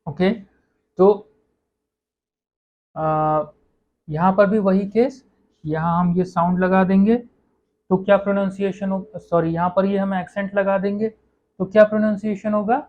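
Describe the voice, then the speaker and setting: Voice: medium pitch, little pitch movement, unhurried, pauses often, slight background noise. Teacher for a recorded language lesson: patient, explanatory, mid-range voice, slightly muffled recording. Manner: patient, repeats "okay" and corrects own slips. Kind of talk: online lesson explaining pronunciation.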